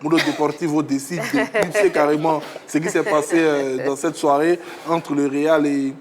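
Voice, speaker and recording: A male pundit breaks down the season at length in a slightly high voice. His delivery is explanatory and assured. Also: steady tone, normal speed. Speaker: football pundit. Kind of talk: studio analysis.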